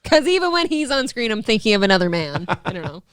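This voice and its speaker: Woman, clear voice, dry studio sound, podcast co-host, casual wry commentary. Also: on the high side, very animated, fast, no echo.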